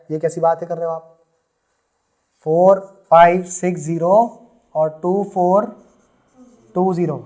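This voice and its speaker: High-pitched man teaching maths class. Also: darkish tone. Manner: teasing, checks answers with the class, repeats dictation slowly. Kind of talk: classroom lecture. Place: classroom with students.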